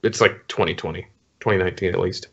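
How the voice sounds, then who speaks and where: Guy chiming in on a gaming stream, low voice, kinda dull muffled sound. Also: fairly even intonation, fast, creaky. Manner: short swearing reactions. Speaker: podcast co-host. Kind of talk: casual gaming chat.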